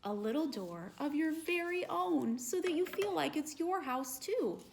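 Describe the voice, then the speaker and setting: A woman's voice: high-pitched, expressive, measured pace, vocal fry, slight background noise, pitched above the performer's own voice, full character voice. A woman voicing a kind little girl witch in a children's story, speaking in a sweet, friendly way.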